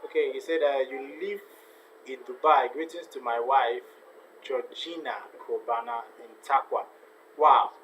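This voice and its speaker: A live stream host, a man who is not a native Ghanaian and speaks with a foreign accent, hosts a casual football watch-along and reads viewer messages aloud. His mid-range, fairly bright voice holds a steady tone at a measured pace, and he chats and often repeats phrases. The recording is rough, with faint hiss under his voice.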